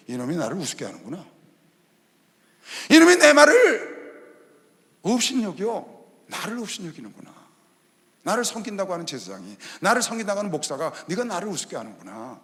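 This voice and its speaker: A man preaching a Sunday sermon as pastor, animated, voicing God and Moses in lower tones. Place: large indoor arena hall. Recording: long reverb of a large arena hall.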